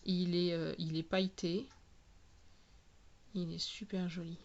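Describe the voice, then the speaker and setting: A woman talking casually through a product unboxing, spelling out each product name slowly and clearly. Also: on the low side, flat delivery, a little mellow, lo-fi sound. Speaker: nail product reviewer.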